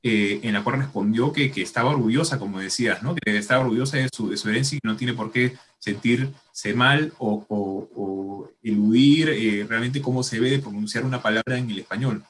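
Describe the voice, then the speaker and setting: A man's voice: medium pitch, fairly quick, hardly any pauses, fairly bright tone. Hesitant male interviewer. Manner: rambling, hesitant questions. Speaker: interviewer, host. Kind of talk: interview questions.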